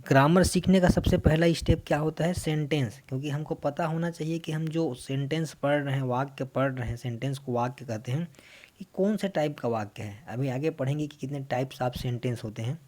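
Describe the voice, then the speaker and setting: A man from India teaching an English grammar lesson for exam students, explaining in Hindi mixed with English, asking questions and answering them himself, and reading English example sentences slowly with an Indian accent. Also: medium pitch, darkish tone.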